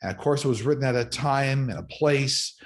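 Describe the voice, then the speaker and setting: A man's voice: medium pitch, normal speed. A man hosting his own online show and talking straight to viewers in a loose, conversational way, with many fillers and restarts. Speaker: psychic medium host. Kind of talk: casual monologue to viewers.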